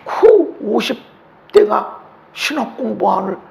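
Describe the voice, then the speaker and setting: A male pastor preaching a sermon, swinging between loud emphatic preaching and hushed near-whispers, acting out conversations. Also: sits high, big pitch swings, slow pace, gravelly, lo-fi sound. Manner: acts out quoted conversations in his talk.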